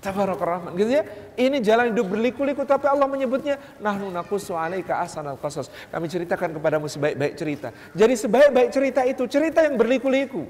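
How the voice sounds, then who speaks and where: A man preaching a humorous mosque lecture, telling stories lively and acting out the people in them. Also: high voice, fast. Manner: lively storytelling, acts out quotes, jokes. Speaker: Islamic preacher. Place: large mosque hall. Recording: reverberant hall, faint ambience.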